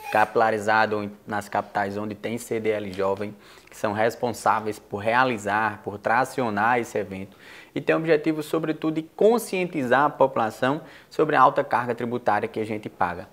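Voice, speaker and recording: A man's voice: mid-range voice, moderate pace, fairly bright tone. A man with a Brazilian accent explaining things as a guest in a studio interview. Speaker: guest, business association leader.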